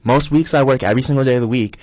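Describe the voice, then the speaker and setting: A young man co-hosting a college radio show, telling a story in an animated, exasperated way. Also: medium pitch, rapid-fire, dry recording, lo-fi sound. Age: young adult. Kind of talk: casual storytelling chat.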